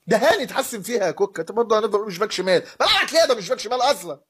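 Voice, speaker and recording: A man's voice: high voice, animated, racing, a bit bright, breathy edge. A man with an Egyptian Arabic accent hosts a football fan channel, rating players in a heated, sarcastic casual rant.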